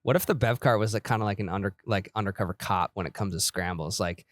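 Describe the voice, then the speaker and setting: A man's voice: lowish voice, fast talker, dry recording. A young man co-hosting a podcast in a studio, joking and riffing in casual chat. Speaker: podcast co-host. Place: simulator studio. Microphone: studio microphone.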